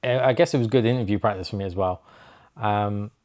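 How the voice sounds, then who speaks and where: Speaking briskly in a lowish voice, a young man who teaches snowboarding relays a story to camera in a relaxed, lively way. He performs the lines of dialogue as he goes.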